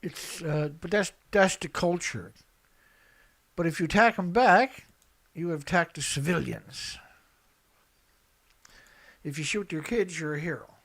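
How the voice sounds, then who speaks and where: Reading out headlines as an online host, a man reacts in an unscripted, opinionated way, bluntly and colloquially, with lots of emphatic repetition. His fairly bright voice is on the high side, and he speaks unhurriedly with frequent pauses.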